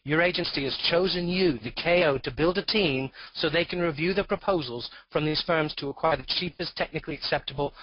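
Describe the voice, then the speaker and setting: A man's voice: fairly high pitch, brisk, few pauses. Presenter, male, voice masked with distortion, formal delivery with dry asides, dull lo-fi call audio. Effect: distorted voice disguise. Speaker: forum presenter. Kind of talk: prepared presentation. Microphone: conference call.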